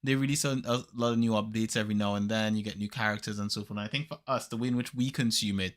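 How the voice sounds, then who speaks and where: A man's voice: lowish voice, fairly even intonation, fast talker. A man hosting a podcast, talking casually and at length about games he plays with friends, with lots of fillers. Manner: rambling, filler-heavy, laid-back. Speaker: podcast host.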